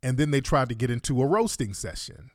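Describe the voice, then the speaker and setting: A man's voice: medium pitch, sing-song, fairly quick, no echo, studio quality. A man hosting a livestream, talking in a boastful, slangy, heated commentary style. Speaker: livestream host. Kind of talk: combative commentary.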